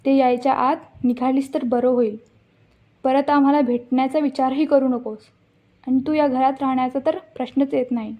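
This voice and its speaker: A stern mother orders her daughter out of the house, as read by a woman narrator. The voice is high, and the recording sounds dull. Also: steady tone, normal speed. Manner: plain reading of quoted lines. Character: angry middle-aged mother turning away her daughter.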